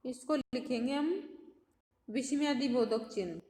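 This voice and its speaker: High-voiced woman teacher in an echoey room. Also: dark tone. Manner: slow, patient explaining with many questions to pupils. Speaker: school teacher. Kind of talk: classroom lesson for children.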